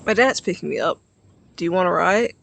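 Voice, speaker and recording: A man voicing a cheerful, caring teenage boy who talks eagerly and warmly in a storybook reading. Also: a little fast, gravelly, full character voice. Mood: upbeat. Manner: eager and warm, pitched up and louder. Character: cheerful caring teen boy, the best friend.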